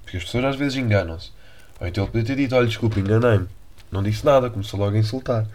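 A young man with a European Portuguese accent and a somewhat low voice tells a story in a casual, animated way. He swears freely and often breaks off to restart his sentences, like a podcast host chatting loosely. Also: very fast.

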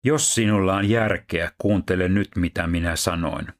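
Male scripture reader, deep low voice, steady measured pace. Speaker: Bible reader and teacher. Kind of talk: scripture reading.

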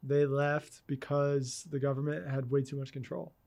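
A man's voice: medium pitch, flat delivery, normal speed, gravelly, darkish tone. A man co-hosting a podcast, asking questions and rambling in casual chat. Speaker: podcast co-host.

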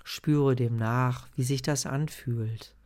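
Unhurried and calm, a man leads a guided meditation on his podcast, sounding much like a sleep-story narrator. His voice is mid-range, and his soft, personal instructions are addressed to one listener.

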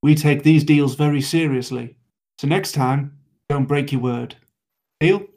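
Player in role-play, measured, quiet menace, mid pitch. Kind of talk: in-character tabletop role-play.

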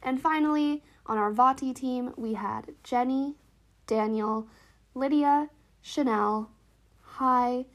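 A woman's voice: sits high, takes it slowly. A woman hosting a casual solo podcast in a chatty, upbeat, informal way, sounding stuffed up and slightly wheezy. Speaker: podcast host.

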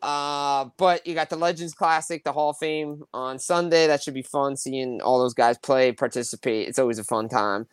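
Clear-voiced man in casual sports chat. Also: medium pitch, fairly even intonation, normal speed, few pauses, no echo.

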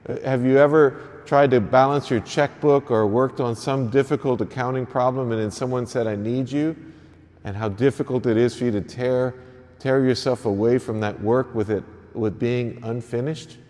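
A priest at a church Mass, speaking at a middle, ordinary pitch. His earnest, plain preaching carries a long cathedral echo that rings around the church after each phrase. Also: fairly even intonation, moderate pace, darkish tone. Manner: earnest, plain-spoken preaching with easy repeats. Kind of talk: gospel reading and homily at Mass. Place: church during an early morning Mass. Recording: long echoing church reverb.

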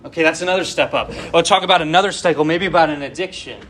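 A man's voice: fairly high pitch, very fast, fairly bright tone, a little hiss or hum. A man in his twenties giving a casual, rambling sermon and talking straight to his listeners. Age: 20s. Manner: rambling, conversational, addresses listeners directly. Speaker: preacher.

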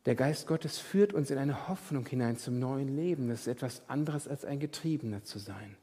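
Husky pastor preaching in a reverberant hall. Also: male voice, medium pitch, moderate pace. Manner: rhetorical questions, swings from loud to whispered. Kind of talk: sermon. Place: church hall. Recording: long church hall reverb.

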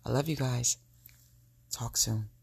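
A woman hosts a reflective solo podcast in a sultry, intimate manner. Her voice is husky and gravelly, full of creak. She takes her time, speaking slowly and directly to her listeners. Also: extremely low pitch. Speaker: podcast host.

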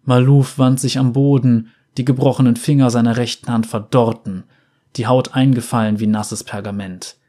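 A male narrator reads a dark fantasy tale. His voice is mid-pitched and measured, with a dramatic storytelling delivery. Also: fairly even intonation.

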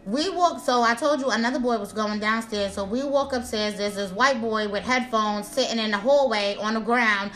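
A young woman tells a story in an animated, chatty way. Her bright, sharp voice sits a little high. She jumps into other people's voices as she goes. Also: moderate pace, few pauses, low-quality recording. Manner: animated, acts out quotes with big pitch jumps, laughs through lines. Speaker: nail technician telling a story. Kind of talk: casual storytelling chat.

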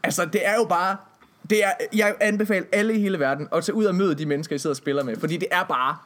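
A young man hosting a casual podcast chat, excitable and crude, laughing often and repeating a filler phrase. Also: sits high. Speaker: podcast host. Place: school building at a gaming party.

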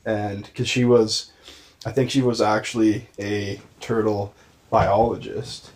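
A man's voice: fairly low pitch, little pitch movement, takes it slowly, a little mellow. A man hosting a podcast, rambling in casual chat and swearing. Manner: rambling, laughs often, swears. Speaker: podcast host.

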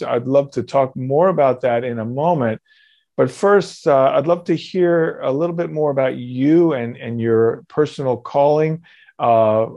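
A man's voice: mid-range voice, mellow, lo-fi sound. A man hosting an interview program, friendly, with many fillers and restarts. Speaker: host.

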